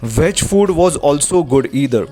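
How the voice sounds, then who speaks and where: A man's voice: fairly high pitch, expressive, unhurried, warm tone. A man with an Indian accent narrating a travel vlog from a script. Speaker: travel vlogger. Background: music.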